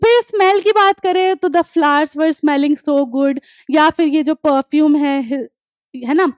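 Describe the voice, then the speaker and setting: This young woman gives an online English lecture, walking through the material step by step and often making sure students are keeping up. She reads examples slowly in a high voice, recorded at studio quality with no echo.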